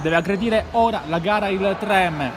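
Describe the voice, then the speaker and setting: A man giving live futsal commentary, his voice rising excitedly for goal calls. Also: high-pitched, moderate pace. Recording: loud indoor sports hall noise.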